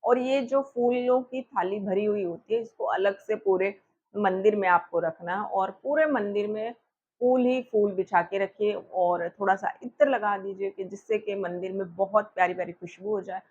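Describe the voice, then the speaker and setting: A woman's voice: medium pitch, moderate pace, a little mellow. A woman astrologer with a sore throat explaining a festival worship ritual step by step, asking and answering her own questions with frequent fillers. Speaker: astrologer explaining Diwali puja. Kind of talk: instructional talk to viewers. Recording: dull, lo-fi recording.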